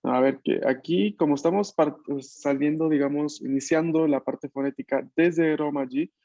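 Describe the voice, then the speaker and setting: A man teaches an online language class over a video call, explaining step by step and often checking in with the students. His voice is gravelly and mellow, and it sounds dry and slightly muffled. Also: on the high side, moderate pace, no echo. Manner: patient, explanatory, many tag questions. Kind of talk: online Japanese class taught in Spanish.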